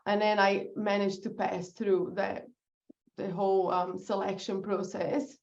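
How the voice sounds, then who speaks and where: A woman's voice: medium pitch, level tone, unhurried, a little mellow, muffled recording. A woman from Brazil with a Brazilian Portuguese accent, a guest in a casual interview who laughs often and sometimes searches for words. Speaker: guest, business founder.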